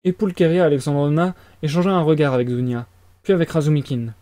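A man reads a novel aloud on a live stream, narrating steadily and expressively. His voice is fairly high for a man, and a close mic gives a dry, intimate sound. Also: steady tone, fast, warm tone, no echo. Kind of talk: audiobook reading.

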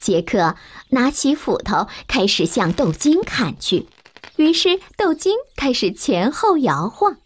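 A woman narrating a children's storybook slowly and expressively. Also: a little high, breathy edge. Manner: slow, expressive, lively storytelling.

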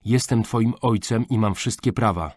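A man's voice: on the low side, moderate pace, a little mellow, no room sound, studio quality, pitched above the performer's own voice, close to an everyday voice. A man voicing a strict, overprotective father who scolds in a raised voice. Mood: angry.

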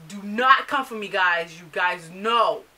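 Talking a little slowly in a mid-range voice, this American fashion vlogger in her thirties, not a native English speaker, is recorded from a distance. She chats casually and animatedly to camera, gesturing, from a small bedroom packed with clothes and accessories.

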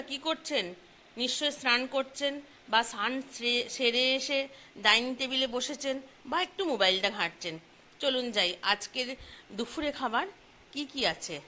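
A woman's voice: fairly high pitch, expressive, unhurried, long pauses, sharp tone, a little hiss or hum. A middle-aged woman hosting a casual home vlog from her kitchen, chatty and keeps asking viewers questions as if they were friends. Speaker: vlogger host. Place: home kitchen and dining room.

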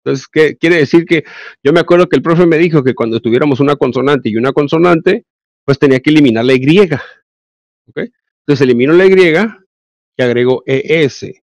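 A man's voice: mid-range voice, a little fast, dry recording. A male English teacher with a Mexican Spanish accent, giving an online class and explaining grammar step by step with frequent check-ins.

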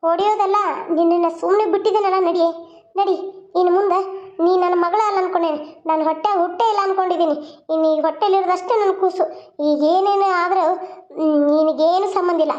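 A woman's voice: very high voice, steady tone, fast talker, a little mellow. A woman voicing an angry, grieving mother who disowns her daughter in a cartoon. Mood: furious. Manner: scolding, wailing. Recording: dull lo-fi audio.

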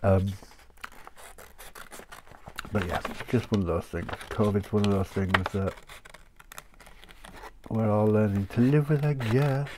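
Slow and steady, with long pauses, a man with a lowish voice and a chesty cough chats rambling and laughing as he cuts paper at his craft desk for his channel. The background is noisy, and paper crinkles near the mic.

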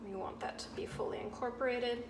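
A young woman, a sous chef, explaining a cooking demonstration step by step in a relaxed way, with frequent ums. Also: on the high side, a little fast. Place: home-style kitchen, indoors. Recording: echoey kitchen with audible background noise.

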